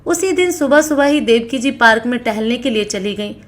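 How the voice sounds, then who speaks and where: A woman's voice: expressive, a little fast. A woman narrating a family moral story, voicing every character in her own voice with only small changes. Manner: reads all characters in her own voice, small pitch shifts.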